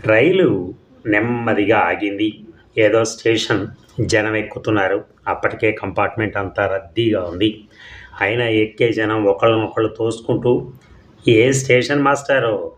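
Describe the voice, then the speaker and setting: A man reads a short story aloud for an audio story channel in a calm, even storytelling voice. His voice sits on the low side.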